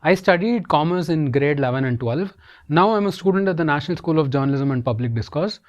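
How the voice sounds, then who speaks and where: Young Indian man panelist, slightly high voice, thoughtful, a bit far from the mic. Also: expressive, fast talker, a little mellow, dull audio. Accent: Indian English. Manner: thoughtful, hedging with fillers. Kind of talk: student panel discussion.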